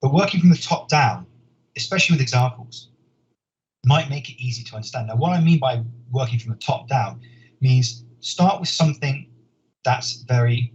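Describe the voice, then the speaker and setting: Man with an earnest, explaining manner. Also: mid-range voice. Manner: earnest, explanatory, repeats words while thinking. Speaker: software engineer. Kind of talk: conference talk. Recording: dull lo-fi sound with faint noise.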